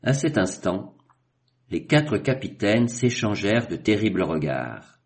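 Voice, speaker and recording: A male narrator reads an adventure story in a measured, literary manner. His voice sits low and he takes his time over each phrase. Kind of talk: scripted narration.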